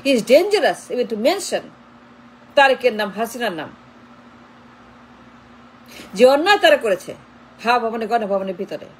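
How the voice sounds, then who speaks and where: A woman's voice: fairly high pitch, sing-song, slow, pauses often, husky, poor audio. A woman giving a political commentary monologue, emphatic and insistent, driving her points home with repeated rhetorical questions.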